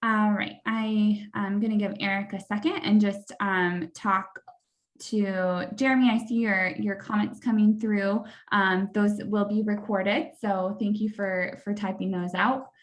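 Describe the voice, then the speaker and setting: Mid-pitched woman moderating a meeting. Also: steady tone, measured pace. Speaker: public hearing moderator.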